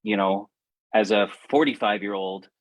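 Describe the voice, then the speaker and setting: A man in his fifties co-hosting a podcast, speaking earnestly and haltingly, often repeating words as he thinks. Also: on the low side, no echo, poor audio. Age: 50s. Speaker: podcast co-host. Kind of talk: reflective casual chat.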